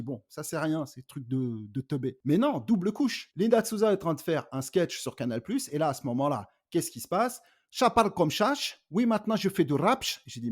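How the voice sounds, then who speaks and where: A middle-aged man, a rap artist, telling stories in a casual interview, animated and acting out the people he quotes. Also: fairly high pitch. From France. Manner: animated, acts out quoted dialogue, frequent fillers.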